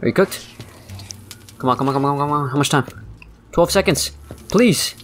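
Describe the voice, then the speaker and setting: A man's voice: a little high, normal speed, fairly bright tone, faint music behind. Frantic man narrating his gameplay. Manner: frantic, repeats words under pressure, talks to viewers. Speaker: gaming YouTuber. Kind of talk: let's play commentary.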